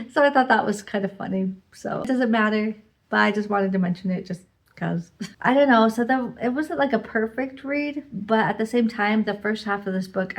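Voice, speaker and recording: Chatty woman with a gravelly edge. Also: mid-range voice, a little mellow. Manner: chatty, rambling, lots of "like" and "you know". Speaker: book reviewer. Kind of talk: casual monthly book wrap-up vlog.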